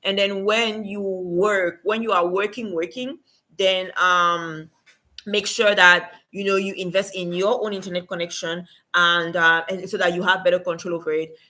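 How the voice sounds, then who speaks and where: Woman livestream host from Cameroon, conversational with fillers, bright sound. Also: on the low side, steady tone, moderate pace. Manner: chatty, many fillers, talks to viewers in chat. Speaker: livestream host and remote work coach. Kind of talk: casual livestream advice.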